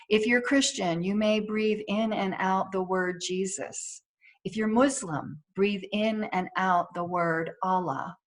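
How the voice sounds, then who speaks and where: A woman chaplain offers informal spiritual guidance at a middling pitch. She is gently instructive and reassuring, and she pauses now and then to find the right word. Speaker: chaplain giving a weekly wellness tip. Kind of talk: informal spoken guidance on breath prayer and spirituality.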